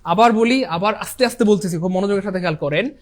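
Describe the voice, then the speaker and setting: Man, high voice, rapid delivery, tired English teacher, repetitive and emphatic. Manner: repetitive, emphatic, addresses students as brothers and sisters. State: tired after a long class. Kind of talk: online exam-prep class.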